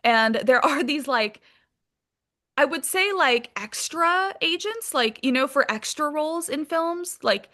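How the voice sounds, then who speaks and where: High, bright and forceful, this expressive woman's voice takes its time. An actress from Hong Kong, she chats as an interview guest, telling career stories in informal, sweary language laced with "like."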